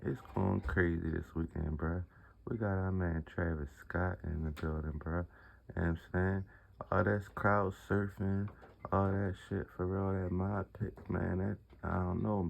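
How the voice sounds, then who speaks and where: A man's voice: deep voice, steady tone, a little slow, highs cut off. A man giving a rambling, slangy eyewitness account in a casual street interview. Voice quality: gravelly, husky. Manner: slangy, rambling, repeats "you know what I'm saying".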